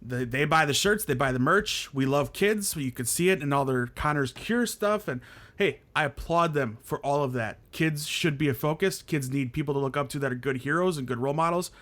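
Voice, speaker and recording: A man with a slightly higher voice hosts a wrestling podcast. He chats casually but slides into animated rants, laughing between points. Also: fairly quick. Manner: animated ranting, laughs often. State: hiccuping. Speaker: podcast host.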